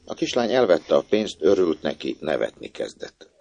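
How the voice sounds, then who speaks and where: A man's voice: a bass voice, sing-song, vocal fry, a little mellow. A man reading a story aloud expressively, voicing the characters. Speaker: narrator.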